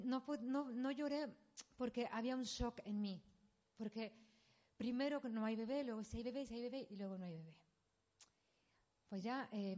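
A woman's voice: on the high side, a little mellow. Emotional woman giving a sermon testimony. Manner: halting, emotional storytelling with many restarts. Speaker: preacher sharing a testimony.

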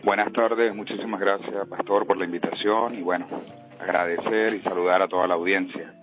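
A man born in Venezuela, a politician speaking as a radio interview guest in a measured, earnest way, heard over a phone line. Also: sits low, fairly even intonation, fairly bright tone, faint music behind.

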